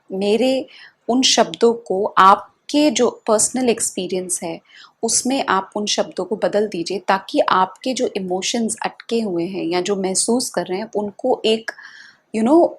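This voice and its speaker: A woman with an Indian accent guiding a tapping session, speaking calm, slow affirmations for listeners to repeat. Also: mid-range voice, slightly rough. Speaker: EFT tapping practitioner.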